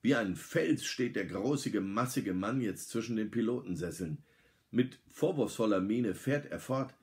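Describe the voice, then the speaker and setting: A middle-aged man reading a story aloud, lively and dramatic, lifting his voice for the characters' lines. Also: fairly low pitch, measured pace.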